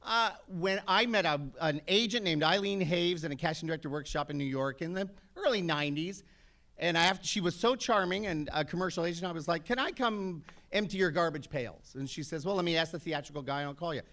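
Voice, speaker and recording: A man in his fifties on an actors' panel, telling brash, animated stories with comic asides to an audience. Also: on the high side, brisk. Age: 50s.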